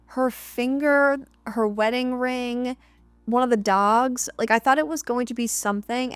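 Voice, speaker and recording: A woman's voice: fairly high pitch, smooth, no echo. A woman recapping and reviewing a film in a casual, conversational way, stressing her points by repeating them. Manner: conversational, emphatic, repeats key phrases. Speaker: movie reviewer.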